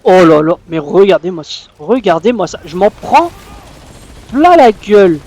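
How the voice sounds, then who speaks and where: A man giving live gameplay commentary as a gaming YouTuber, raging and swearing with loud exclamations. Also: high voice, very animated, a little slow, slight background noise.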